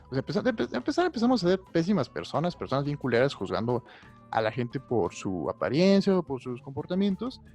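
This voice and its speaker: A young man with a Mexican accent co-hosting a podcast, talking in an animated, slangy, opinionated way. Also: fairly high pitch, a little fast. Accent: Mexican Spanish. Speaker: podcast co-host. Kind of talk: casual chat. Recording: faint music behind.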